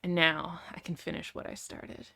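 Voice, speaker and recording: A woman reading as a sly young male vampire, smug and quietly menacing. The voice is low and gravelly and spoken softly. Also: flat delivery, moderate pace, dry recording, studio quality. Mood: sinister.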